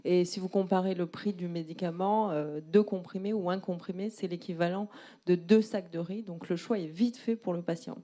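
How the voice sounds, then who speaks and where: A woman's voice: on the low side, fairly even intonation, moderate pace, warm tone. A woman interpreting a presentation live, explaining and rephrasing as she goes.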